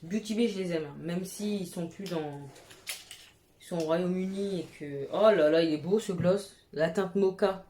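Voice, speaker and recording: A woman's voice: fairly low pitch, measured pace, dark tone. A woman beauty vlogger chatting casually at home, gushing with exclamations and casual swearing. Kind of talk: casual haul chat. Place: at home, with her cat nearby. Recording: echoey room with faint noise.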